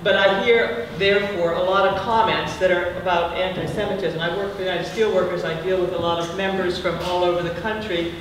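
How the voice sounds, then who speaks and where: A middle-aged woman from Chile giving earnest closing remarks at a panel discussion, speaking into a handheld mic in a large brick hall, with halting restarts. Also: fairly low pitch, steady tone, noisy background. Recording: echoey hall from far off.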